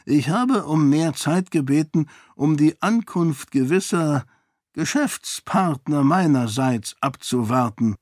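A man's voice: on the high side, animated, slow, darkish tone, no echo, studio quality, pitched above the performer's own voice. Man voicing a grave old duke.

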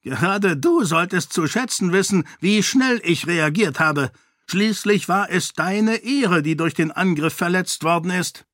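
A man's voice: sits high, sing-song, unhurried, hardly any pauses, sharp tone, no echo, studio quality, pitched above the performer's own voice, heavily acted. A man doing a curt, scornful king. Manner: curt, dismissive. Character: angry, scornful middle-aged king, man.

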